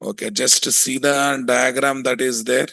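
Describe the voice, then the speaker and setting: A man with a Telugu Indian accent giving a hands-on software tutorial, thinking aloud, repeating himself and often putting questions to his students. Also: medium pitch, steady tone, normal speed, gravelly, dry recording. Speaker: software testing instructor.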